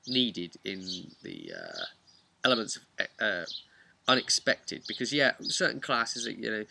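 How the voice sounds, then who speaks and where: A game master casually recaps a tabletop role-playing session, speaking haltingly and conversationally while stressing key words. His medium-pitched voice is gravelly, with background noise in the recording.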